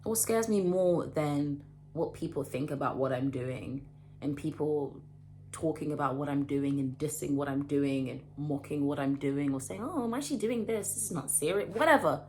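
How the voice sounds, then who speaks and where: A woman in her late twenties speaks in a low voice, giving a casual motivational talk to camera. She is animated and emphatic, often repeating and restarting her phrases. A faint hum sits under the recording. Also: normal speed. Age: late 20s. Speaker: vlogger.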